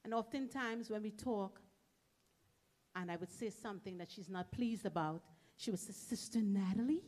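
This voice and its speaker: A woman's voice: medium pitch, normal speed, a little mellow. Heartfelt woman giving a eulogy. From Trinidad. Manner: heartfelt, speaks in short, emphatic phrases. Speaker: church member giving a tribute. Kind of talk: memorial eulogy.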